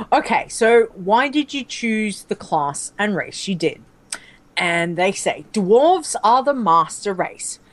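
A woman co-hosting a casual gaming podcast, upbeat and chatty, reading listener answers aloud. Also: on the low side. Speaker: podcast co-host.

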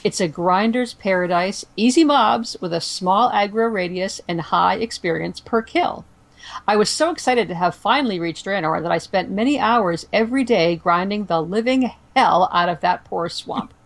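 A woman's voice: mid-range voice, normal speed. Woman co-host reading answers aloud. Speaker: podcast co-host. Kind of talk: casual podcast chat.

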